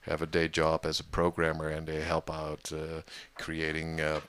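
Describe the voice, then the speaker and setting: Very deep-voiced man, halting with fillers. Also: monotone, a bit bright, a little hiss or hum. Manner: hesitant, many fillers and restarts. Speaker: online music community organizer. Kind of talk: casual interview conversation.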